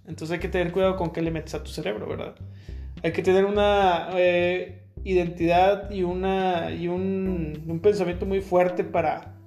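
Mexican co-host in casual chat, earnest and slangy, mid pitch, light music behind. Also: darkish tone. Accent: Mexican Spanish. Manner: earnest, explanatory, laughs often, slangy.

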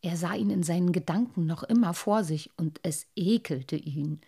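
A woman reading a children's story aloud with expressive, lively narration. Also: on the low side, moderate pace, breathy edge.

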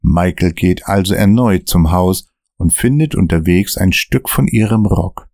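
A man narrating a scripted story podcast in a steady, measured way. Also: sits low, gravelly, no room sound, clean studio sound.

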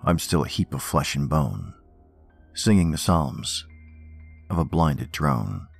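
Very deep-voiced man narrating horror. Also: animated, takes it slowly, vocal fry, breathy edge, no echo, soft background music. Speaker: horror podcast host. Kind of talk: scripted narration of horror stories and poems.

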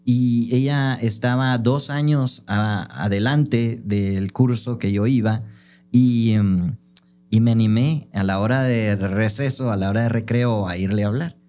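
A man's voice: mid-range voice, unhurried, darkish tone. A man co-hosting a casual podcast, telling a personal story in a chatty way and laughing often. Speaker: co-host.

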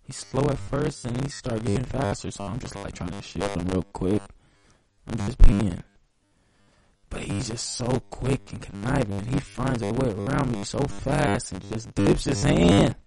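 A young man with a gravelly, low-pitched voice trades stories on a casual podcast. His talk is animated and full of slang. Faint music plays underneath. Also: unhurried, rough recording. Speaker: podcast co-host. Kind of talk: casual chat.

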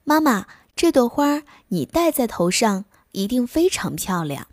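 A woman's voice: fairly high pitch, very animated, unhurried, dry recording, clean studio sound. A woman voicing a devoted little rooster. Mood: affectionate. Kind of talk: bedtime story narration.

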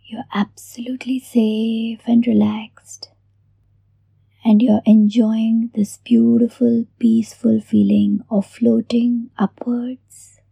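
A woman hosting a guided meditation in a soft, breathy near-whisper, gently giving unhurried instructions with long pauses. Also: a little high, level tone, dry recording. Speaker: meditation host.

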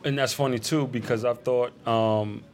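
A man's voice: medium pitch, fairly even intonation, normal speed. A man in his thirties, a photographer guesting on a podcast, talking in a laid-back, rambling way with many fillers. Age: 30s. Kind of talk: casual podcast conversation. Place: event space.

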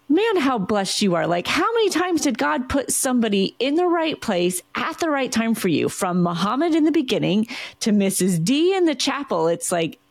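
Gravelly-voiced woman podcast host. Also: medium pitch, no echo. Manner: affirming, frequent listening sounds. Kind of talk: interview conversation.

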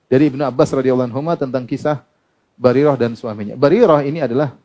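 A man's voice: medium pitch, dark tone, lo-fi sound. A middle-aged man preaching a sermon, quoting Arabic texts and translating them, often asking the audience questions and answering them himself, with frequent laughs. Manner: laughs often between points. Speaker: Islamic preacher.

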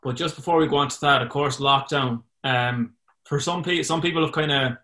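Young Irish man hosting, medium pitch. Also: fairly quick, bright, forceful tone. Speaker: podcast host. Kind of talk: casual interview.

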